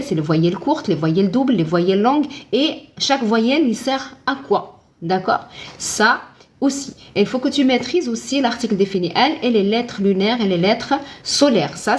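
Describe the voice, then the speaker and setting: A woman teaching Arabic in a casual live-stream, chatting with viewers and answering her own questions. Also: mid-range voice.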